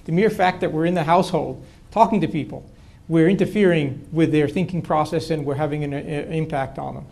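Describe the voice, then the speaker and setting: A man's voice: a little high, fairly quick, gravelly, hardly any pauses, a little mellow. An older man, a political science professor, answering audience questions at length in a lecture hall, with frequent restarts. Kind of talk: university lecture Q&A.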